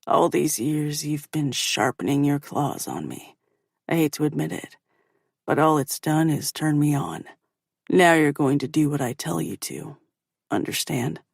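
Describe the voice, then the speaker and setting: A woman doing a low, hushed commanding man. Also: expressive, measured pace, creaky, breathy edge, no echo, clean studio sound, exaggerated voice. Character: commanding young man, teasing and dominant.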